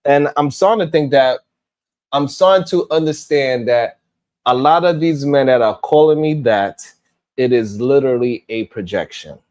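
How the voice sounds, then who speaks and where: A man's voice: medium pitch, moderate pace, darkish tone. A man in his forties giving exasperated, casual commentary on a live panel stream, swearing when he loses his words. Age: 40s.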